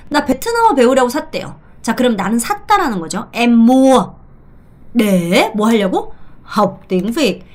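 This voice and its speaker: A middle-aged woman teaching a language lesson, talking straight to her viewers and drilling phrases slowly, over and over. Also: on the high side. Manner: lively, drills phrases slowly and repeats them; talks straight to viewers, asks and answers her own questions.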